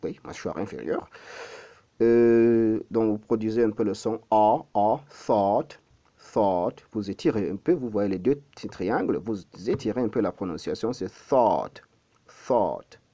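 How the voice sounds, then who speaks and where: A man with a low, mellow voice gives a patient pronunciation lesson. He repeats each word several times and stops to correct himself. The recording sounds dull and lo-fi. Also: moderate pace. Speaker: language teacher.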